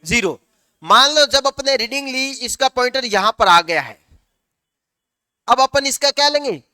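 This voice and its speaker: A male teacher giving a lecture, asking the class questions and answering them himself, sometimes slowing down to dictate notes word by word. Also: extremely high pitch, expressive, bright, forceful tone, clear, resonant tone, no room sound, studio quality.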